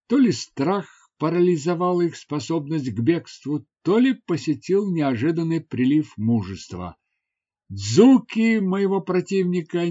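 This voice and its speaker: A male narrator reads a first-person adventure story dramatically and unhurriedly. His slightly high voice swings widely in pitch. The recording has a dull, lo-fi sound. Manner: dramatic, expressive reading. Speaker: audiobook narrator.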